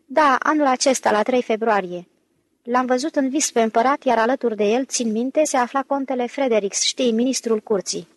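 Brief: confident, playful swindler in an audiobook, smooth and flattering, read by a woman. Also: on the high side, dry recording, close to an everyday voice. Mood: ingratiating. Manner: breezy, ingratiating. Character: smooth-talking male con man, confident, playful. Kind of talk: audiobook character reading.

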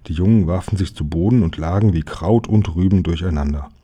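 A man reading a children's novel aloud as narrator, lively and switching voices for the characters. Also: low voice, a little fast, breathy edge. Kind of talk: storybook reading.

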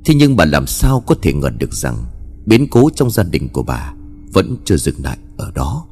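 A man giving dramatic, expressive narration of a scripted horror story. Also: low-pitched, moderate pace, husky, soft background music.

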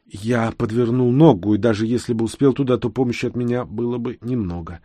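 A man voicing a sturdy man of about sixty in an audiobook, polite, formal and unhurried. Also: mid-range voice, warm tone, dry recording, lightly acted. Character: sturdy older man around sixty, composed and curious.

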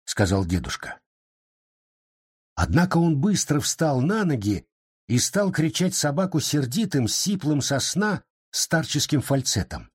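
A man reading a story aloud in a measured, expressive storytelling manner. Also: on the high side, slightly rough. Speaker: narrator. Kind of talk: scripted audiobook narration.

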